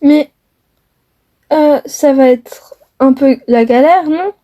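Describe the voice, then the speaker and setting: Brief: young girlfriend, woman voicing, excitable, wondering, slow delivery. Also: high voice. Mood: excited. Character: young girlfriend, worried then amazed. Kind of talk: homemade family skit.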